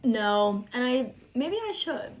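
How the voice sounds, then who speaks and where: A woman's voice: on the high side, expressive, slow pace. A woman hosting a challenge with casual chat and playful running commentary. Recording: faint background noise and clicks.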